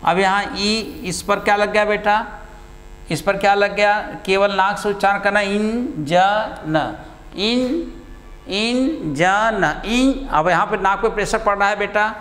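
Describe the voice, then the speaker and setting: A man's voice: high voice, level tone, normal speed, a bit bright. A man teaching a Hindi grammar lesson, patiently repeating key words and calling his students beta and babu. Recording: hum and long room reverb. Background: mains hum.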